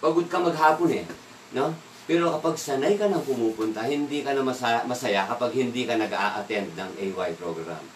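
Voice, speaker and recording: A man's voice: mid-range voice, normal speed, a little hiss or hum. A man leading an evening devotional, talking in a casual way, asking the listeners questions and slipping in English words. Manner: asks the listeners questions, mixes in English words, laughs now and then. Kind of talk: conversational Bible devotional talk. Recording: echoey room, voice from a distance.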